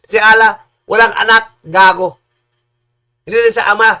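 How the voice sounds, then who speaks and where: A man preaching in a heated, combative rant, repeating himself and bursting into loud insults. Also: high-pitched, fairly even intonation, normal speed.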